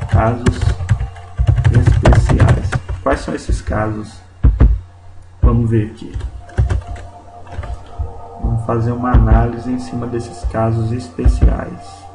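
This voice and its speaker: Slow, deliberate male grammar teacher. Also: medium pitch, flat delivery, creaky, roomy sound, music in the background, low-quality recording. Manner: slow and deliberate, checks in with "né?" and "não é isso?". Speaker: Portuguese teacher. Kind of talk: recorded grammar lesson.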